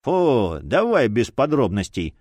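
A man's voice: medium pitch, sing-song, takes it slowly, a little mellow, dry recording. A man putting on a greedy, whiny fanatic champion who begs for his victim. The voice is close and dry, rising and falling a lot. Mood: grumbling. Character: bloodthirsty petulant male fanatic champion.

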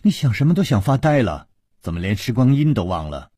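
A man storyteller voicing a quick-tongued young princess who teases and questions impatiently. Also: medium pitch, big pitch swings, dark tone, breathy edge, no echo, studio quality. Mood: teasing.

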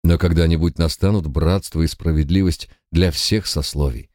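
A man voicing an earnest, pious male lawyer who speaks quietly, in an audiobook. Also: rumbling low, normal speed, no echo, studio quality.

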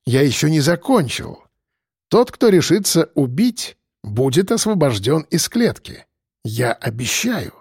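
A man voicing a smug, sadistic male professor who speaks softly, slowly and venomously. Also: a little high, very animated, husky, no room sound, clean studio sound, heavily acted. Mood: mocking. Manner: soft, slow and venomous.

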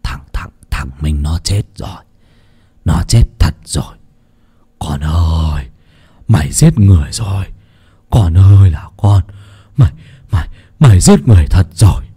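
A man voicing a lecherous old man over sixty who stammers in panic, low and half-whispered. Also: animated, measured pace, long pauses, dark tone, husky, full character voice. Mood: panicked.

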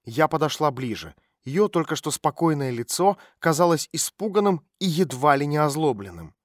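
A man narrating a detective novel in a steady, measured reading voice. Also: fairly high pitch, no room sound, studio quality. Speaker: audiobook narrator. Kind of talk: scripted narration.

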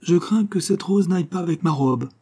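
A man's voice: high voice, fairly quick, dark tone, husky, voice pushed up. A man reading the lines of a scornful, haughty young woman in a storybook. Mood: dismissive. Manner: scornful, disdainful. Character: proud haughty young woman, professor's daughter.

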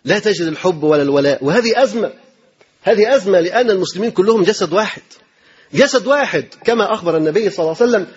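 A man's voice: high voice, lively intonation, racing, breathy edge, muffled recording. An Egyptian man preaching a sermon in a colloquial style, piling up rhetorical questions and repeating his points. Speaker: sheikh giving a religious lecture.

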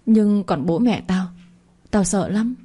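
A woman's voice: mid-range voice, slow pace, dark tone, husky. A woman doing a tearful frightened young woman. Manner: tearful and pleading.

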